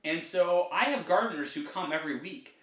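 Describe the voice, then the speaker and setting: Rambling middle-aged man, higher voice. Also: fairly quick. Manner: rambling storyteller, animated, many restarts. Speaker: podcast co-host. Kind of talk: casual comedic chat. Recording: roomy echo.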